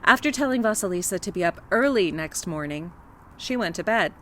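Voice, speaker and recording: Expressive woman reading a folktale. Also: on the low side, brisk, a little hiss or hum. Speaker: storyteller. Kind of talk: folktale read-aloud narration.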